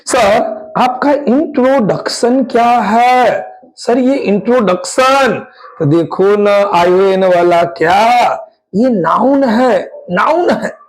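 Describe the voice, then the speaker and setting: A man leads an exam-prep grammar lesson in a high, light voice. He talks slowly and deliberately, firing questions at students and repeating the answers for emphasis. He spells out word endings one letter at a time. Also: rough recording. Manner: animated, drills students with quick questions and repetition. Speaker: English grammar teacher.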